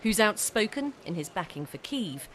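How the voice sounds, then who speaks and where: A woman's voice: medium pitch, big pitch swings, normal speed, heavy background noise. A woman working as a news correspondent, giving a scripted report.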